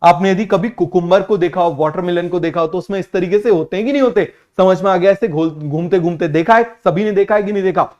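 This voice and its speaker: A male teacher giving an online biology lesson in Hindi-English mix, repeating key terms and urging students to answer quickly. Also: high voice, darkish tone, muffled recording. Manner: repetitive, keeps asking students to answer quickly; drills terms by repeating them slowly.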